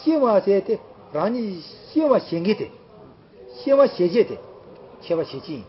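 A man with a high-pitched voice talks casually, circling back over the same phrases with many fillers. The sound is dull and lo-fi, like an old home recording. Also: sing-song, moderate pace, a little hiss or hum. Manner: rambling, repetitive, many fillers. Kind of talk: casual chat.

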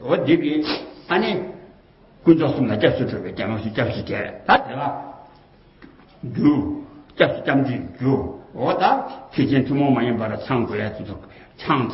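Rambling man in a roomy, dull recording. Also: mid-range voice. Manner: rambling and repetitive, often circling back to the same phrases; colloquial, with frequent fillers and rhetorical questions. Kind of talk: casual rambling talk.

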